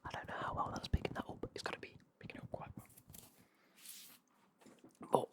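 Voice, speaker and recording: A man giving a casual whispered ASMR unboxing as host, rambling and correcting himself in a breathy whisper. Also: fairly quick. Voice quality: breathy whisper with creaky edges.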